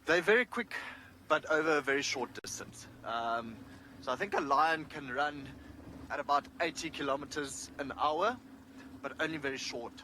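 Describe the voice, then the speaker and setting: A man's voice: medium pitch, bright, forceful tone, low-quality recording. A man giving informal live wildlife commentary as a safari guide, thinking aloud as he explains, outdoors in a vehicle. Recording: faint outdoor and vehicle noise. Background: outdoor ambience.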